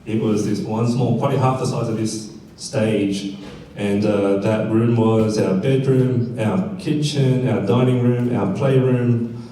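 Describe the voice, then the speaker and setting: Speaking as a panelist at a community fireside chat, a man born in South Korea and later based in Australia reflects on his life in conversational, measured speech. His voice sits on the low side with fairly even intonation and a warm tone. The recording comes from a stage in an echoey room, with a distant mic and faint noise.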